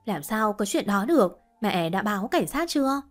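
A woman voicing a kind, calm young woman who speaks gently and reassuringly. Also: mid-range voice, normal speed, faint music behind, close to an everyday voice.

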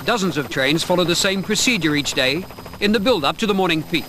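A man reporting a news story in a measured, formal, scripted delivery. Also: a little high, animated, noisy background.

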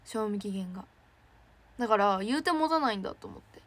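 A young woman, an idol trainee, chatting casually on a livestream and reacting excitedly to fan messages. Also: medium pitch, fairly quick. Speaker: idol trainee streaming to fans.

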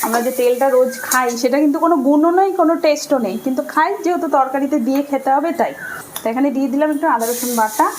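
This woman, a cooking vlogger, talks in a rapid-fire, high voice as she chats to viewers while cooking in her home kitchen. Kitchen clatter sits behind her voice, and the audio is poor, with a little hiss or hum.

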